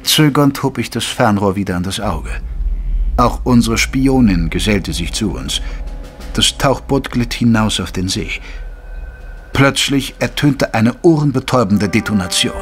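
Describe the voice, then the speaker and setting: An actor voices an indignant, curious Victorian gentleman narrating an audio drama. He speaks measured, literary German prose at a medium pitch. The acting is light.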